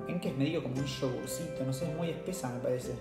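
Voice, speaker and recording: A man's voice: medium pitch, fast, creaky, roomy sound, loud music behind the voice. A man with an Argentine accent hosting a casual tasting vlog, chatty and slangy, laughing often. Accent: Argentine Spanish. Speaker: cooking channel host.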